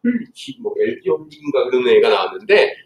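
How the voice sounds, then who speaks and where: A man's voice: mid-range voice, sing-song, brisk. A man teaching math to children, telling playful stories and asking lots of questions. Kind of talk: classroom lesson for children. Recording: echoey room, distant mic, faint noise.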